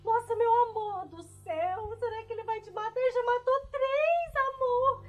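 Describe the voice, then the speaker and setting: A clingy, melodramatic young woman swoons over her man and then shrieks in panic. Her voice sits very high and piercing. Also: normal speed, narrow, tinny audio. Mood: panicked.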